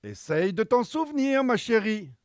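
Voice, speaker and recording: A man's voice: very high voice, big pitch swings, a little slow, dry recording, studio quality, voice pushed up, full character voice. A man voicing a sly storybook mother who talks sweetly and with mock innocence to her daughter. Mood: mock-innocent.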